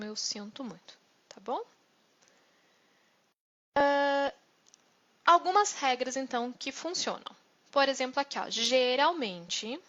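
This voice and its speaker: A woman with a Brazilian Portuguese accent teaches German in a live online lesson, her voice high-pitched and fairly bright. She explains things step by step, checking in with "né?" and "ok?", and the sound is dull and lo-fi.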